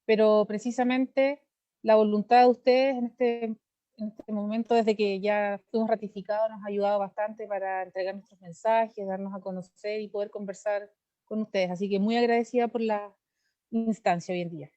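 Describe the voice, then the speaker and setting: Interviewed by video call, this Chilean woman in her 30s, a lawyer running as a candidate, speaks earnestly and fluently in lengthy, detailed answers. She has a warm, mid-range voice with little pitch movement and a moderate pace, recorded with no room sound and clipped highs.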